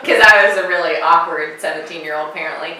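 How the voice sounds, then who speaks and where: A twenty-one-year-old woman telling a story in casual chat, giggly and full of "like", with a far camera mic in a bright dining room. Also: sits low, fairly even intonation, quick pace, very echoey, a little hiss or hum. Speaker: co-host.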